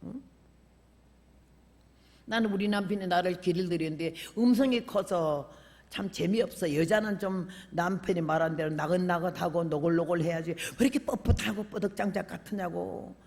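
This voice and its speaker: An older woman preaching a sermon in a colloquial, animated way, telling stories from her own life and acting out the dialogue. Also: on the low side, normal speed, big-room sound. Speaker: revival preacher. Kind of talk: sermon with personal storytelling. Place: church sanctuary.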